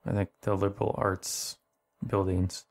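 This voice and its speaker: A man's voice: low voice, monotone, unhurried, gravelly, darkish tone. A man narrating as game master, rambling and full of fillers.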